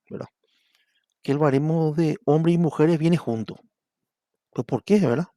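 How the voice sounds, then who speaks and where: Gravelly Paraguayan lecturer man, dry sound. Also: mid-range voice, dark tone, no echo. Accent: Paraguayan Spanish. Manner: explanatory, repeatedly asks "¿verdad?". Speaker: university lecturer. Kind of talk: online class lecture.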